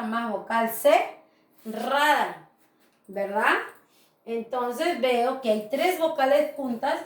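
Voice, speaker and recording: A woman's voice: a little high, reverberant, distant mic. A woman teacher giving a recorded grammar lesson, explaining patiently and checking in with her students often. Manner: slow, patient explaining with frequent "¿verdad?" tags.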